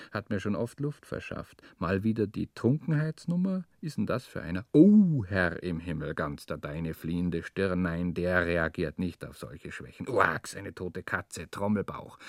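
A man's voice: deep voice, darkish tone, no echo, studio quality. A man delivering a dramatic literary monologue, ranting sardonically and puffing for breath between phrases. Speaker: narrator.

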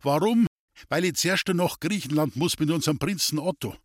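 A man's voice: fairly high pitch, fairly quick, fairly bright tone, no echo, clean studio sound. A man voicing a proud, stubborn young soldier with a Bavarian accent, speaking eagerly and insistently. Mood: determined.

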